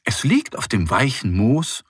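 Slow, very expressive storyteller man. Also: mid-range voice, breathy edge, no echo, clean studio sound. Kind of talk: children's story narration.

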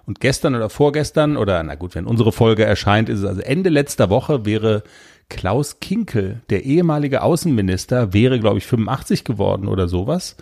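A man's voice: lowish voice, lively intonation, fairly quick, creaky, a little mellow. A man co-hosting a podcast, chatting casually and rambling through free associations. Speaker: podcast co-host. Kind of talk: casual chat.

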